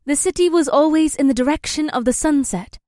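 A man voicing a dainty, soft-spoken young woman fighter who recalls old tales hesitantly. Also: very high-pitched, fairly quick, no echo, studio quality, voice pushed up. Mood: wistful.

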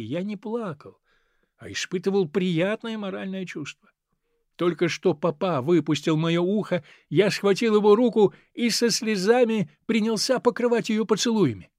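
A man reading a first-person literary novel aloud with expressive delivery. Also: high voice, moderate pace, no echo, clean studio sound. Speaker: audiobook narrator.

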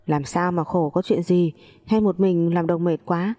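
Woman voicing a gruff impatient old father-in-law. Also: lowish voice, fairly even intonation, a little slow, warm tone, close to an everyday voice. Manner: impatient, questioning.

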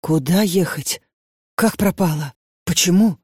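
A woman's voice: fairly low pitch, a little slow, darkish tone, husky, no echo, clean studio sound. A woman reading an audiobook and voicing a sleepy, puzzled young female student who answers hesitantly. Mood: bewildered. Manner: hesitant, bewildered.

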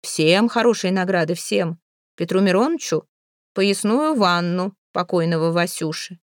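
A woman's voice: measured pace, no echo, natural voice. A woman voicing a fussy middle-aged widow handing out an inheritance in a placating tone, dry close sound. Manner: placating, then shrill.

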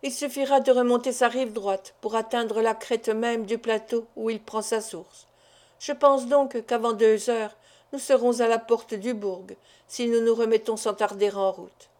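A woman reading aloud voices a brisk, determined young male forester, speaking curtly, in an audiobook. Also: a little high, steady tone, darkish tone, lightly acted. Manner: curt and determined.

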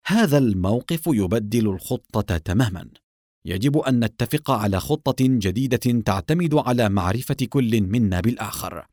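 A stern, commanding male officer from a spy audiobook, voiced by a male reader. He speaks curtly with a lively, forceful edge. The sound is dry and close. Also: mid-range voice, normal speed, no room sound, lightly acted. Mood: serious. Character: stern male lieutenant colonel, curt and commanding.

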